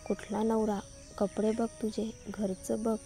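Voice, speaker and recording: Woman reader doing a cold, taunting society woman; low-key, dark, mellow delivery. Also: little pitch movement, measured pace, faint music behind, close to an everyday voice. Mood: mocking. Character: scornful, cruel rich young woman.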